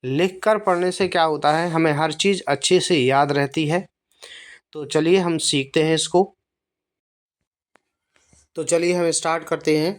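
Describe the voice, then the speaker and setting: A patient teacher from India leads a beginner lesson, spelling out each word letter by letter before repeating it. The delivery is slow and deliberate, sitting at a middle pitch. Every point is explained step by step. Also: fairly even intonation. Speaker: English teacher.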